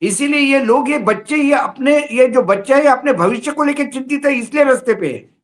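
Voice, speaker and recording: A man's voice: very high-pitched, fairly quick. A man commenting on politics in a studio discussion, heated and rhetorical, repeating his points.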